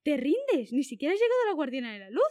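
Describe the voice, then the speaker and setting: Woman voicing a brash male rabbit, loud, excited, high voice, pushy, storybook. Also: fast, no echo, clean studio sound.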